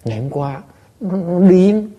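A man, a Buddhist monk teacher, telling stories to listeners in an animated, laughing way with many stammered repeats. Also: high-pitched, measured pace, lo-fi sound. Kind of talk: storytelling talk to listeners.

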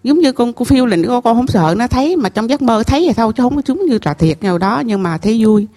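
A middle-aged woman with a Southern Vietnamese accent gives an emotional personal testimony to a temple master. Her voice sits a little high for a woman. She talks in halting, repeated phrases, with an earnest, confiding manner. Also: expressive, mellow. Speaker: temple visitor telling her story.

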